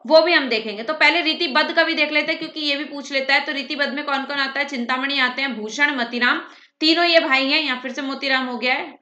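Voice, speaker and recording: A woman teacher races briskly through an exam-prep lecture, frequently checking in with "theek hai." Her high voice is bright and sharp, and the room adds a noticeable echo.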